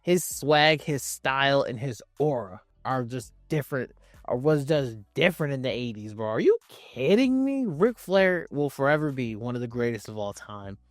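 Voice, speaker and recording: A man's voice: medium pitch, moderate pace, dry recording, clean studio sound. A man hosting a countdown video with casual, opinionated commentary, speaking emphatically in slang with swearing and repeating phrases for stress. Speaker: video host ranking wrestling promos.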